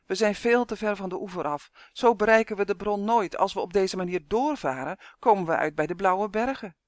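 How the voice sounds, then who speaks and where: An earnest young boy, read by a man in a storybook, with a fairly high voice and a steady, sincere delivery. The sound is close and dry. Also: brisk, no room sound, natural voice. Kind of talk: audiobook character voice.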